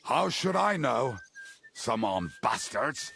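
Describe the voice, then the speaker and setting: An actor playing a bitter, gruff henchman in a video game, heavily drunk, with a gravelly voice. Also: medium pitch, big pitch swings, slow, pushed and bright, slight background noise, heavily acted. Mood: bitter, defensive. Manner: blackout drunk, slack drunken speech. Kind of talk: video game dialogue acting.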